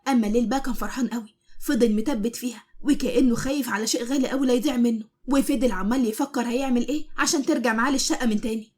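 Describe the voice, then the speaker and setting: A woman with an Egyptian accent narrating a romantic comedy story briskly. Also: fairly high pitch, a little mellow, slight background noise. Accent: Egyptian Arabic.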